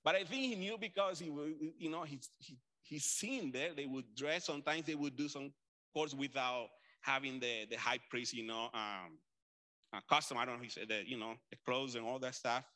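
With a mid-range voice at a moderate pace, this Colombian pastor from the Caribbean coast tells animated stories in a conversational sermon, restarting himself and adding asides along the way.

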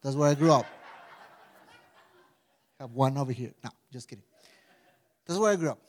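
There's some chatter in the background as this forties-aged pastor from Mexico preaches at a normal speed in a medium pitch. With his Mexican Spanish accent, he gives a chatty, animated, casual sermon and prayer, peppered with restarts and "right?" asides.

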